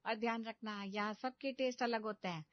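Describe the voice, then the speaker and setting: A woman voicing an exasperated middle-aged mother-in-law who scolds loudly in a cartoon story. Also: on the high side, steady tone, a little fast, dry recording, lo-fi sound, lightly acted. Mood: weary.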